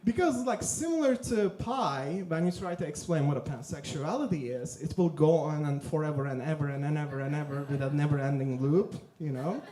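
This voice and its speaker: A stand-up comedian from Turkey with a Turkish accent, telling deadpan jokes in a halting way with many fillers on a theater stage. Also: male voice, a little high. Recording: echoey theater room.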